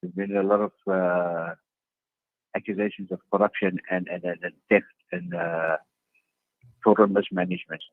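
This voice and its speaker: Gravelly man over a video call. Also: low-pitched, level tone, normal speed, long pauses. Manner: earnest, repeats points for emphasis. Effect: heard over a video call. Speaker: political party councillor. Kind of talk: interview answers. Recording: tinny, dry video-call line.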